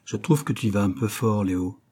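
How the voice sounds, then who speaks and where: A man's voice: on the low side, brisk, mellow, slightly rough. A man reading an audiobook and voicing a doctor who defends himself, pleading and combative. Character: Louis, doctor defending himself, moody and stubborn.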